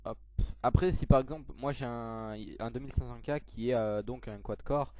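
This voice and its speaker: A young man talking through a software tutorial on his computer, hesitant, with lots of fillers and self-corrections. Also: mid-range voice, moderate pace, no echo. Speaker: tech tutorial youtuber. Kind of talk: screen-recorded software tutorial. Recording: dull lo-fi mic, dry.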